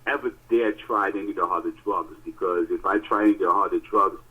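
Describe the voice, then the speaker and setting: This podcast co-host calls in on a tinny phone connection and talks fast in a low, slightly rough voice. His storytelling is animated, casual and emphatic, packed with filler words.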